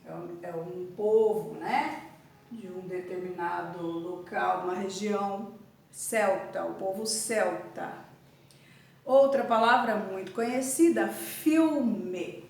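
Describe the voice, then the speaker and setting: A woman's voice: medium pitch, takes it slowly, creaky. A woman teaching a literacy lesson, spelling out syllables letter by letter and repeating each word. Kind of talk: slow classroom literacy lesson. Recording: echoey room from far off.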